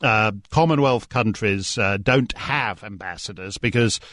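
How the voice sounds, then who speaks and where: A man's voice: fairly low pitch, measured pace, a bit bright, dry recording. A man guest-hosting a talk radio show from a studio, delivering a sardonic, joking monologue with frequent "uh" fillers. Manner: sardonic, jokey, many "uh" fillers. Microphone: studio microphone.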